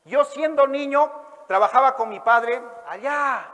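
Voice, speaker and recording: A man from Ayacucho, Peru, telling a folk tale to a live audience, with drawn-out calls and sound effects and prompts for the listeners to repeat after him. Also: extremely high pitch, fairly bright tone, long reverb tail. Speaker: storyteller. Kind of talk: oral storytelling to a live audience.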